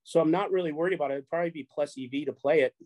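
A man's voice: fairly high pitch, very fast, darkish tone, no room sound. A middle-aged man from Chicago who runs a poker show, chatting casually, rambling with repeated words and free swearing. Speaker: poker show runner and guest. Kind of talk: casual chat.

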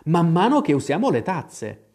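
A man voicing an eccentric, bossy male hatter in a storybook reading, with quick, pert retorts. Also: on the high side, wildly swooping pitch, darkish tone, husky, pitched above the performer's own voice, full character voice.

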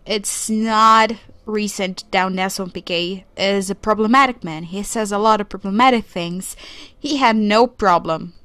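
A young Brazilian woman whose first language is Portuguese delivers solo podcast commentary in English, earnest and reflective. Her mid-range, slightly bright voice moves unhurriedly, pausing as she searches for words. Although she's a co-host, she's speaking alone here, in a dry, close recording with no room sound or echo.

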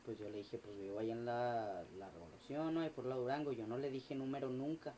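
A man, a podcast guest telling a story in animated, slangy, swearing casual chat. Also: medium pitch, brisk, slight background noise.

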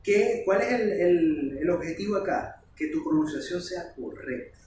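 Teacher, male, animated explainer, slightly high voice, recorded far off in a roomy space. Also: measured pace, slight background noise. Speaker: language teacher. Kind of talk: casual podcast conversation. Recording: roomy, distant mic.

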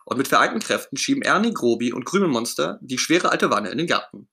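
A man narrating a children's storybook in a lively, playful way. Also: medium pitch, fast, creaky.

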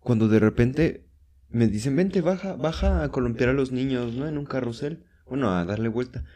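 Mellow-voiced Mexican man telling stories. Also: normal speed. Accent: Mexican Spanish. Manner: rambling storyteller, acts out shrill quotes. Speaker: co-host. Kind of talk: casual chat.

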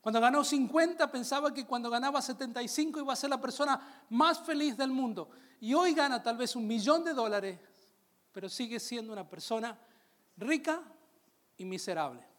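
A Latin American man preaching a sermon, calling out to his congregation and slowing down on key phrases. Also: extremely high pitch, a bit bright. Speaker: pastor.

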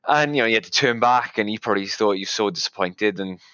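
Low-voiced hedging male podcast co-host. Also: fast talker, sharp tone, no echo, dull audio. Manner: thoughtful, hedging, chuckles often. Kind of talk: casual conversation.

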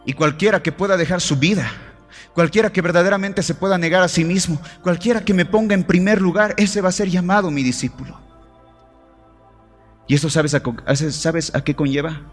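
A man's voice: high voice, fairly quick. A man preaching a sermon, impassioned and exhorting, calling the congregation family, with faint music behind. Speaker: pastor.

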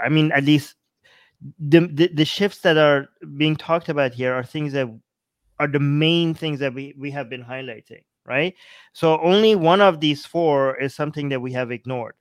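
A man's voice: mid-range voice, smooth, dry recording. A man co-hosting a casual live discussion, often interjecting and restarting his phrases as he goes. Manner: interjecting, stop-start with repeated phrases. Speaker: podcast co-host.

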